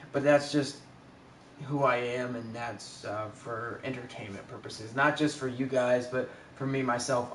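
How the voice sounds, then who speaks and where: Man with heavy echo on his voice. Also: mid-range voice. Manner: rambling, with many fillers and restarts. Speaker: livestream host. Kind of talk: casual livestream chat. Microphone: camera mic set up away from him. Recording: echoey, distant camera mic, faint background noise.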